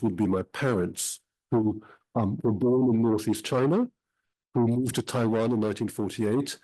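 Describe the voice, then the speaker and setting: A middle-aged man speaks at a middle pitch, giving an academic talk. He weighs his words, filling the gaps with frequent ums. His delivery is careful and reflective. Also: dark tone, poor audio. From Switzerland. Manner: measured, frequent um pauses. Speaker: historian giving a talk about his book.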